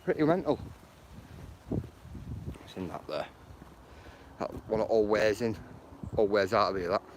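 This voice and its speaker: A man's voice: fairly low pitch, very animated, unhurried, slight background noise. A man with a Lancashire accent chatting casually on a walking live stream outdoors by the water, greeting viewers by name and calling them bro and bruv. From northern England. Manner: uses slang like bro and bruv.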